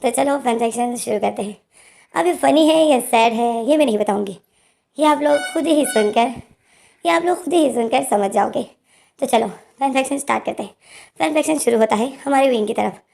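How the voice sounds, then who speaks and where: A woman's voice: a little high, moderate pace, vocal fry, darkish tone. Chatty young woman with a sore throat. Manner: chatty, talks to the audience. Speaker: fan fiction storyteller. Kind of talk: casual story reading.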